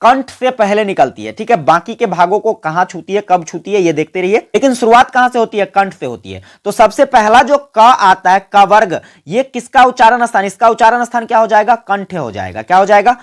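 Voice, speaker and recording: A man's voice: high voice, brisk, few pauses. A man teaching an exam-prep grammar lesson. He keeps asking the listeners questions, answers them himself, and has them repeat sounds along with him. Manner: quizzes listeners and answers his own questions.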